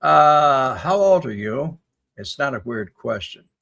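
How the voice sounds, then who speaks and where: Gravelly-voiced man in his seventies. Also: mid-range voice, lively intonation, slow pace, fairly bright tone. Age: 70s. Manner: rambling, folksy, reads comments aloud then replies. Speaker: livestream host answering chat. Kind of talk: casual live chat reading viewer comments.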